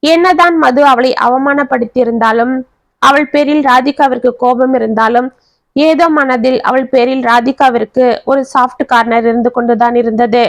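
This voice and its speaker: Woman storyteller, high voice, dry close recording, steady expressive reading. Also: moderate pace, no echo. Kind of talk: scripted story narration.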